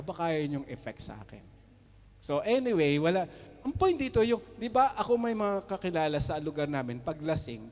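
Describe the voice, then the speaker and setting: Male pastor, lively swooping delivery, long hall reverb. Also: on the high side. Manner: animated, mixing Tagalog and English, chuckling asides. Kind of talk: preaching a sermon.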